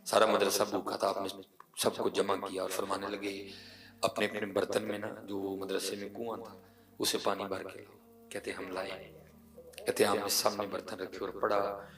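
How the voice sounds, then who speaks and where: Gravelly low-voiced male preacher, echoey hall. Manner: animated storyteller, repeats phrases for emphasis, swings from quiet to loud. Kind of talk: emotional sermon with storytelling. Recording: echoey room, voice from far off.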